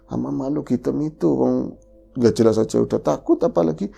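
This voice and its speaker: A man co-hosting a horror podcast, retelling a ghost story in the first person with animated delivery. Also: a little fast, creaky, a little hiss or hum. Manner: animated, voice jumps high for quoted lines.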